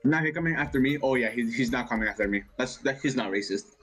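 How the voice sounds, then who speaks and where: A man in casual gaming chat with friends, excitable and full of playful banter. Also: medium pitch, fast, slightly rough, rough recording. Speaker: gamer.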